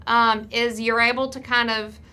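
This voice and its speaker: A woman's voice: fairly high pitch, level tone, moderate pace, sharp tone, clean tone. A woman guest on a live stream, chatting with enthusiasm about voting data, with many fillers. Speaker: festival vote counter and guest. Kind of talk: casual live-stream chat.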